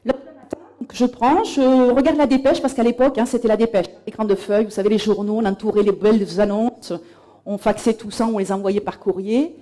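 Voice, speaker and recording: A woman giving a conference talk, telling lively anecdotes from her career and acting out past exchanges. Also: mid-range voice, fairly quick. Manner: lively storytelling, acting out past dialogues with laughs. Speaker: conference speaker. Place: conference room.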